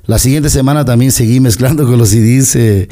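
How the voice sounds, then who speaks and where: A middle-aged Latin American man appears as a podcast guest, telling stories in casual, chatty conversation and acting out the lines he quotes. His voice is medium-pitched and warm, a little on the fast side.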